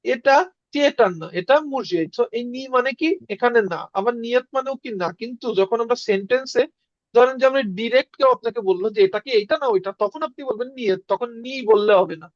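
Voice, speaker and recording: A man's voice: extremely high pitch, brisk, dry recording, lo-fi sound. A man teaching a casual online language class, patiently repeating words for his students.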